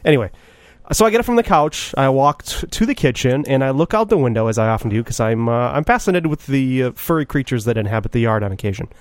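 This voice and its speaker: A man co-hosting a podcast, telling stories in a relaxed, joking way with lots of hesitations. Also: mid-range voice, fast talker, no echo. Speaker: podcast co-host. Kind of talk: casual storytelling chat.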